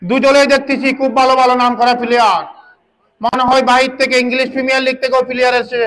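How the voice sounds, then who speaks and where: A man's voice: extremely high pitch, steady tone, fast, fairly bright tone, poor audio. A man with a Bangladeshi accent giving live commentary and announcements at a local football match, often repeating his phrases. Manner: repeats phrases as he calls play. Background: crowd at a local football match.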